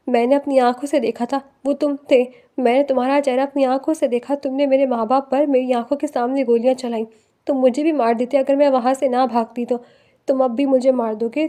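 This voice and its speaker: A woman's voice: high-pitched, lightly acted. Woman doing a hysterical young wife. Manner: shouting, raised and strained.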